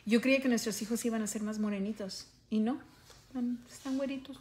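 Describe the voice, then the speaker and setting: A woman's voice: a little high, steady tone, brisk, darkish tone, a little hiss or hum. A woman in her thirties chatting casually on a livestream from a couch at home, switching between Spanish and English, filmed on a phone held at arm's length. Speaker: livestream host. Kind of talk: casual bilingual chat.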